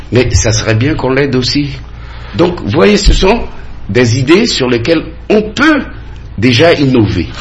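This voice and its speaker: A faint hiss or hum underlies this mid-range man's voice. As a candidate from French Guiana in a radio campaign debate in the studio, he is emphatic and insistent, driving points home through repeated phrases.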